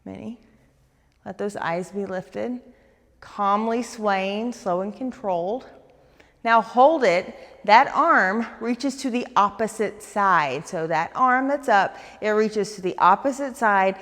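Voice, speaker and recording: A woman leading a guided stretching class, talking fast and eagerly as she gives coaching cues. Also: medium pitch, fairly bright tone, long reverb tail. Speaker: fitness instructor.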